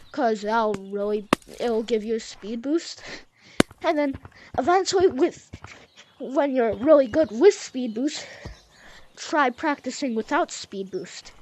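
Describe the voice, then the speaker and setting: A young woman with a high voice talks through game moves in a loose, chatty way, dropping y'all and like as she goes. She sounds a little out of breath. A faint hiss of noise sits under the voice. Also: darkish tone. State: a bit out of breath. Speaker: gaming tutorial host. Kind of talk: casual game tutorial.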